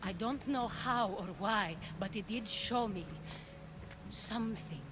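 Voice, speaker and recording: In a video game drama, an actress voices a poised, ambitious woman who once led a cult, speaking in a measured, persuasive way with a solemn, visionary mood. Her mid-range delivery is lightly acted, set against a noisy background.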